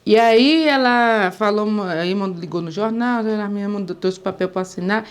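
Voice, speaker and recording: As an interviewee, a woman tells a story in casual conversation, animatedly acting out the voices of the people she quotes. Her voice is mid-range, and she speaks at a normal speed.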